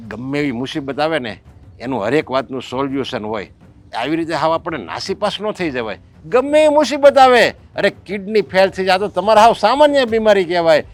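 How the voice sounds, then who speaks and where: A man's voice: on the high side, animated, a little fast, close to an everyday voice. A man playing a generous family man who reassures a troubled relative. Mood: reassuring. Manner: reassuring, lecturing. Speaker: head of household. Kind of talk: rural family stage drama.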